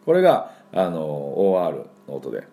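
A man's voice: a bass voice, huge pitch swings, moderate pace, warm tone. A middle-aged man hosting an English pronunciation lesson, acting out sounds playfully and leading exaggerated repeat-after-me drills. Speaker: English pronunciation teacher and host.

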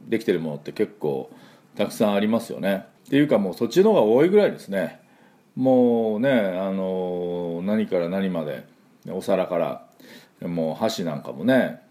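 A man's voice: deep voice, mellow. A man teaching English pronunciation as a school principal, with frequent fillers that make him sound hesitant, and he repeats words for his students to copy.

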